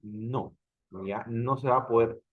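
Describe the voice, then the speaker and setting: Male teacher from Peru, mid-pitched, methodical explainer, muffled lo-fi online class audio. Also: fairly even intonation, unhurried. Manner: explains step by step, often checks understanding with "ok?".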